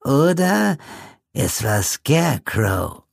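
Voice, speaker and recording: A man voicing a fidgety old male village drunk in his eighties, with a thin, reedy voice and slow, cackling speech. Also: medium pitch, very animated, gravelly, no room sound, clean studio sound, pitched above the performer's own voice, full character voice.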